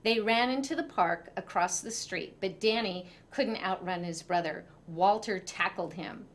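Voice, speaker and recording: A woman storyteller reading a children's picture book aloud in an expressive way. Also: mid-range voice, unhurried.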